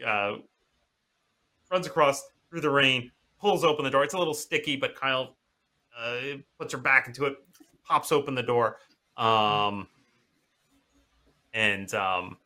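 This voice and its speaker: A man runs a horror tabletop game as game master. His voice is bright and sits at a middling pitch. He halts often and restarts his phrases as he describes the scene. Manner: halting, many restarts and fillers.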